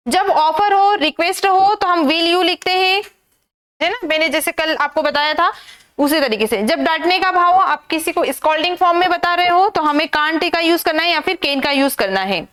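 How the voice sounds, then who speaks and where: Indian woman teacher, very high voice, drills exam grammar with repeated questions. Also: normal speed, fairly bright tone. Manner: repetitive drilling with rhetorical questions. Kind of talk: exam-prep grammar lesson.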